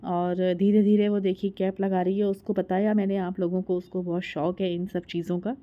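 A woman in her thirties from India, with a Hindi accent, narrates a voice-over for her home vlog, chatting and explaining each step with frequent filler sounds. Her voice is lowish and flat, at a moderate pace. The recording's high frequencies are cut off.

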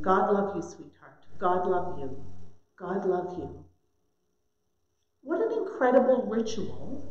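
A middle-aged woman giving a reflective talk to parents on family faith rituals and telling personal stories about her own childhood. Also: mid-range voice. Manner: warm storytelling with personal anecdotes. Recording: echoey room, slightly muffled.

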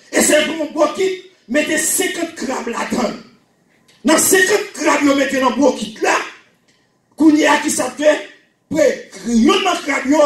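High-voiced Haitian preacher shouting in echoey hall. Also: male voice. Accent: Haitian Creole. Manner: preaching with frequent shouted emphasis and repeated phrases. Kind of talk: sermon. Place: small church hall with pulpit. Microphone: handheld microphone. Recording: echoey church room, camera from a distance.

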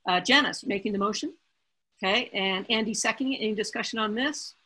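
A woman chairing a council meeting over a video call, brisk and joking as she moves through votes. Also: medium pitch, bright, forceful tone, husky, low-quality recording.

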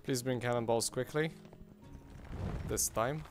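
A man's voice: medium pitch, a little slow. A man playing an online game, impatiently calling out orders to teammates and swearing. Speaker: player. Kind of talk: gameplay voice chat. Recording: game music behind. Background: game music.

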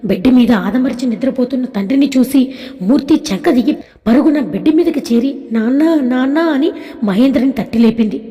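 A woman telling a family story in scripted narration, steady and emotive. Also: on the high side, brisk. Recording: long reverb.

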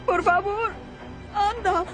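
An older soap-opera woman who pleads and commands in a high, urgent voice. She speaks slowly and deliberately, with dramatic music swelling behind her. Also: fairly even intonation. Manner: urgent and pleading, giving orders. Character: tense older woman urging a young woman on. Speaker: dubbing actress in a soap opera. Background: dramatic background music.

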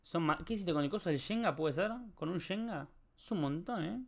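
A man's voice: a little high, expressive, moderate pace, vocal fry. A young man with a Rioplatense Spanish accent, chatting casually on a live stream while he solves a puzzle, rambling, joking and swearing. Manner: rambling, joking, swears a lot, talks to chat.

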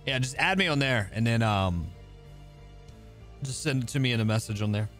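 A man's voice: mid-range voice, animated, normal speed, a bit bright, soft background music. A man in his thirties chatting casually on a game livestream, often repeating his phrases, close on the mic. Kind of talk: casual livestream chat over gameplay.

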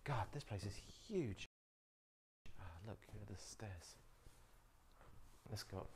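Holding his phone camera at arm's length, a thirty-something urban explorer vlogger walks through an abandoned dormitory indoors and curiously describes his discoveries in a casual tour. He speaks slowly in a lowish, darkish voice. A faint hiss or hum runs under the audio.

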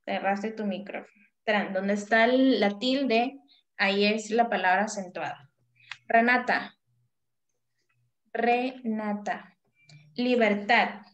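A woman's voice: medium pitch, unhurried. A woman teaching a primary class over a video call, patiently calling on pupils by name and drilling syllables. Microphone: video call microphone.

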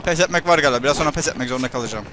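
A young man giving casual commentary over his gameplay, chatting to his troops and breaking into loud excited shouts during fights. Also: medium pitch, rapid-fire, noisy background. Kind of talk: let's play commentary.

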